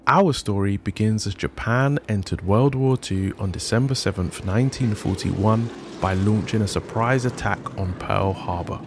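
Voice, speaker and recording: A man with a low, gravelly voice tells a history story from a script. His asides turn wry and sardonic. Soft music plays faintly behind him. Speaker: podcast host.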